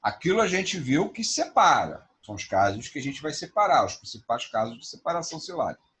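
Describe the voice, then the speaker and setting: Male teacher, husky voice, animated delivery, online class. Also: on the high side. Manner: lively, spells out examples slowly.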